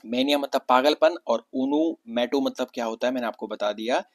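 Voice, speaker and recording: A young man from Uttarakhand, India, teaches an exam vocabulary lesson, explaining each word with repetition and rhetorical questions. He speaks fairly quickly in a medium-pitched voice.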